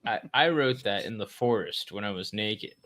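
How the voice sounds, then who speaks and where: A man co-hosting a podcast, tossing in deadpan jokes during casual book chat. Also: fairly low pitch, moderate pace, slight background noise. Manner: joking, deadpan quips. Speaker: podcast co-host.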